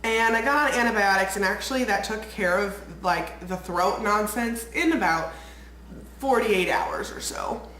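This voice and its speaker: Nasal and slightly stuffed up from a cold, a young woman rambles through a casual vlog in a bubbly way, saying "like" constantly. Her medium-pitched, fairly bright voice moves at an unhurried pace; the room is echoey, with faint ambient noise.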